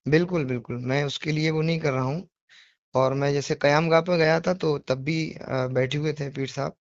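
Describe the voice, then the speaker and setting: On a recorded phone call, a man with a rather high voice speaks at a moderate pace with fairly even intonation, and there's no room sound. He's a devotional poetry reciter, earnest and apologetic, insistently explaining himself through repetition and rhetorical questions.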